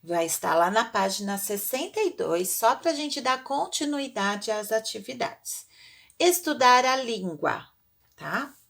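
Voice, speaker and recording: A woman's voice: a little high, sing-song, a little slow, creaky, a bit bright. A woman teaching a recorded class lesson, patient and drawing out her example words.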